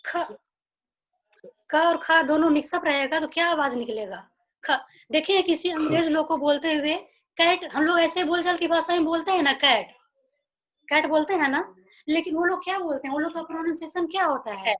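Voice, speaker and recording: Female teacher, high voice, unhurried; drills letter sounds one by one over a dull video-call line. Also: a bit bright. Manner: slow, repeating each sound deliberately. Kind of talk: online phonics lesson.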